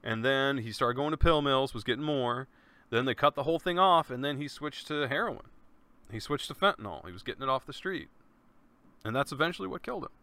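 On his own podcast, a man talks in a casual, earnest monologue, his medium-pitched voice expressive, bright, forceful and smooth, and a little fast. He's laid-back and loose, often saying "man" and swearing.

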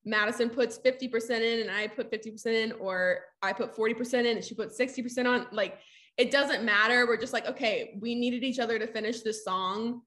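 A woman from Southeast Texas, a singer-songwriter in a sister duo, chats casually in an interview, using informal phrasing packed with "like." She has a soulful, gritty singer's voice that runs on the high side, a bit bright, steady in tone, and a little fast.

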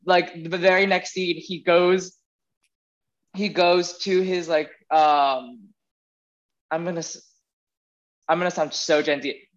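A man co-hosting a casual film podcast, talking excitedly with lots of "like" and laughter. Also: sits high, takes it slowly, long pauses, lo-fi sound. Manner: excited, laughing, heavy use of "like". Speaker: podcast co-host.

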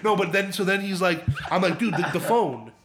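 A man's voice: high voice, fairly quick, crowd noise. Rambling, profane man telling a story. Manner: rambling, profane, laughs often while talking. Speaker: podcast co-host telling a story. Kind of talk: casual storytelling chat.

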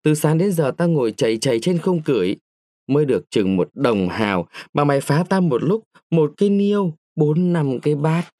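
A man voicing a quick-tempered peasant wife who scolds and shrieks at her household, in a dry, close storybook reading. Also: mid-range voice, very animated, darkish tone, no echo. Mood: shrieking furious.

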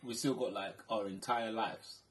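A man's voice: fairly low pitch, fairly even intonation, normal speed, fairly bright tone. A man in his late twenties with a London accent, chatting casually and agreeably in slang as a podcast co-host. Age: late 20s. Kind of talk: casual chat. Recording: clear background noise with clicks.

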